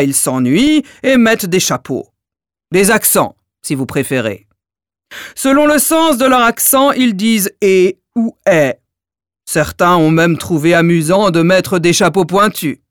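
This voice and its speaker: A giant talking letter E, put on by a woman speaks as a guide in a children's storybook, loud and deliberate, explaining things one after another. The voice sits lower and fuller than a young child's, with a changed, put-on timbre. It sounds close and dry, with no room around it. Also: no echo.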